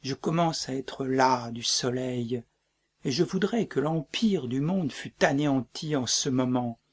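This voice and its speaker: A man reading the part of a doomed tyrant king in a dramatic play reading, brooding and breaking into shouts. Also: mid-range voice, a little slow, slightly rough. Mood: defiant.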